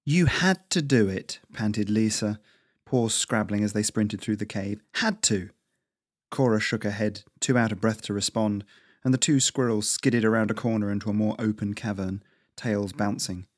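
A man's voice: on the low side, little pitch movement, normal speed, dry recording, clean studio sound. A man hosting a podcast and reading his own fantasy flash fiction aloud, with a hesitant, filler-heavy intro. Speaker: podcast host and author.

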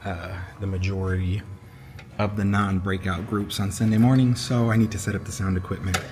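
A man talking through his day in a relaxed, chatty vlog, with easy fillers, into a handheld camera. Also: deep voice, a little fast, background noise. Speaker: vlogger. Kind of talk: casual vlog narration.

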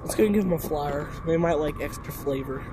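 A man's voice: a little high, fast, background noise. A young man giving casual, joking gameplay commentary full of slang. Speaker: gamer.

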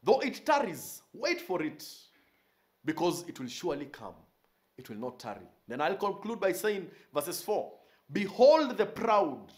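A man's voice: sits high, big pitch swings, measured pace. A man in his forties, a pastor standing in a small studio, preaching a recorded sermon with emphasis and repeating his key phrases. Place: indoor studio with purple curtain backdrop.

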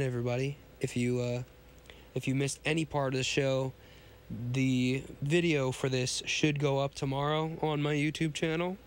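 This podcast host, a man with a cold and a hoarse voice, reads aloud from a pulp sci-fi tale, often stumbling and going back over lines. His pitch is medium, and there's a little hiss or hum.

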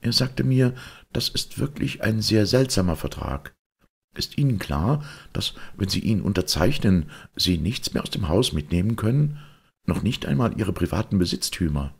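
A man's voice: fairly low pitch, very animated, moderate pace, gravelly, darkish tone, breathy edge, voice pushed up, full character voice. A man voicing an indignant elderly lady of the house who tells her story fretfully and scolds her maid.

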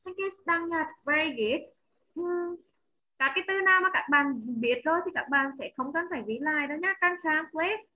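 A woman English teacher with a Vietnamese accent, slowly and clearly modelling words for children in an online lesson. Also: sits high, bright, forceful tone, low-quality recording. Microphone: computer mic on a video call.

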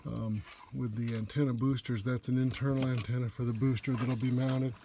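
The speaker is a man leading a tour of a large indoor RV repair shop, his Southern US accent coloring a casual, filler-sprinkled explanation of the technical work. He speaks at normal speed with medium pitch, a flat delivery, and a warm tone, over slight background noise.

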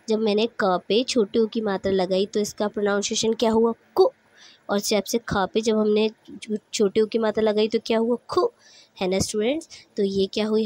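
Young woman teacher, patient and repetitive, mid-range voice. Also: medium pitch. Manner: patient, explains step by step, repeats "okay students" often. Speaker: school teacher. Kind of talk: classroom lesson for young children.

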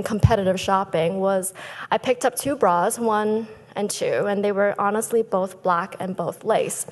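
A woman speaking at a lectern in a reverberant hall. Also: mid-range voice. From Thailand. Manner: lively, gestures with both hands, speaks from a lectern. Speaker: business founder giving a talk. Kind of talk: prepared conference speech. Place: large conference hall stage. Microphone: lectern microphones.

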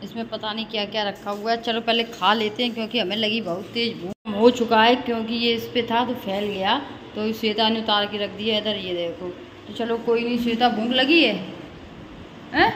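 A young woman talks casually to her viewers, pitched a little high. She is recorded on a phone in a hostel room, and the clip carries steady background noise. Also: brisk. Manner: chatty, talking to viewers. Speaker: vlogger. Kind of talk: casual vlog narration. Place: hostel room and kitchen, indoors.

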